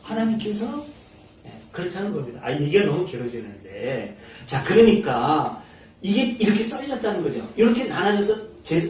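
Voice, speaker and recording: A man giving an informal Bible study lecture, animated and blunt, sometimes mocking. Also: high voice, moderate pace. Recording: echoey room, mic far off.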